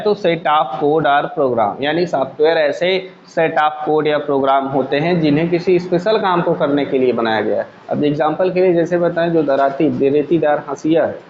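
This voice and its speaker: Man teaching in an echoey room. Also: fairly high pitch. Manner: explains step by step with everyday examples, asks the class questions. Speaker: computer teacher. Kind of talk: classroom lecture. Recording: echoey room, dull lo-fi sound, faint hum.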